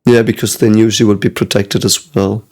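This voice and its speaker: A man's voice: fairly low pitch, level tone, moderate pace, darkish tone. A man talking casually as he reacts to an anime, rambling with lots of hesitations and occasional swearing. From Germany. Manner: rambling, hesitant, with many fillers and frequent swearing.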